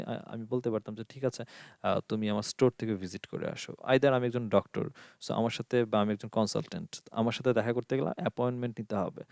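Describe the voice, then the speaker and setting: A man's voice: mid-range voice, a little mellow, no echo, clean studio sound. A man teaching an online course, explaining screen steps one by one and asking himself questions as he goes. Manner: explains step by step with rhetorical questions, mixing in English. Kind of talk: screen-share tutorial.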